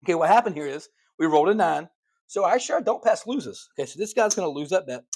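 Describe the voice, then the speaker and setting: A man hosting a casino dice tutorial, calling rolls and paying bets aloud in an excitable, chatty way, at times out of breath. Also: sits high, quick pace, vocal fry, breathy edge. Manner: excitable, calls rolls like a dealer, chatty asides to viewers. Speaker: craps channel host demonstrating strategy. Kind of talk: casual table-game demonstration.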